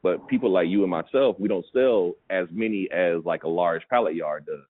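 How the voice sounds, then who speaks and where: A man with a low-pitched voice advises a caller about running a pallet business, speaking at a moderate pace. The phone-like audio is narrow and carries a little hiss or hum. His manner is casual, and he keeps checking for understanding.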